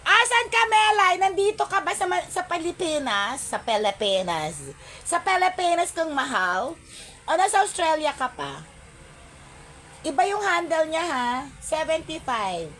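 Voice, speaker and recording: Woman live-seller host, high-pitched and unhurried, chatty with viewers, mixes in English. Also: sing-song, fairly bright tone. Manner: chatty, greets viewers by name, calls out item codes and prices; mixes English into her talk. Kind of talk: live-selling stream chat.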